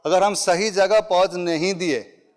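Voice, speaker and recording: A man's voice: sits high, fairly even intonation, slow. A middle-aged man giving a conversational public speaking workshop to a live audience, mixing English phrases into his talk and illustrating points with everyday examples.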